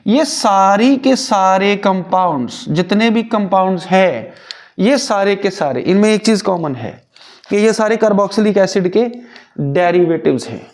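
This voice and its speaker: A man's voice: high-pitched, animated, a little slow. A male chemistry teacher, explaining step by step and asking and answering his own questions. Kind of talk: Hindi-English chemistry lecture.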